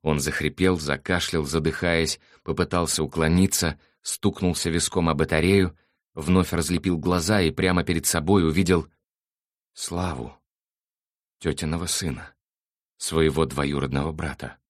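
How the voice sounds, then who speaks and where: A man narrating an audiobook in a steady, even reading voice. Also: rumbling low, normal speed, dry recording, studio quality.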